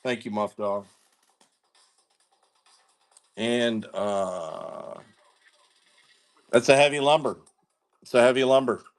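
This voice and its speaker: A man's voice: mid-range voice, unhurried, soft background music. A man hosting a live card-breaking stream, chatting casually in slang and greeting viewers by name. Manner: laid-back, slangy, talks to viewers by name. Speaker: card-breaking livestream host.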